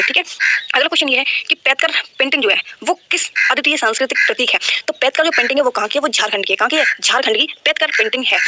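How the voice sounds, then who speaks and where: Fast, bright-voiced woman teaching exam tricks. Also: a little high. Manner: asks a question then answers it herself. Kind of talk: exam-prep lesson with memory tricks.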